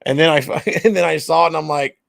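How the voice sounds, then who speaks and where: A man's voice: a little high, brisk, vocal fry, no room sound. A man co-hosting a podcast in casual sports chat, swearing a lot and laughing often, recorded close on a dry mic. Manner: profane, animated, laughs often. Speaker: podcast co-host.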